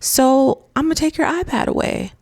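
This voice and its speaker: Fed-up young guy lecturing like a parent, mock-stern, exasperated, gravelly edge as a woman puts him on. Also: high voice, moderate pace, a little mellow, dry recording, clean studio sound, pitched above the performer's own voice.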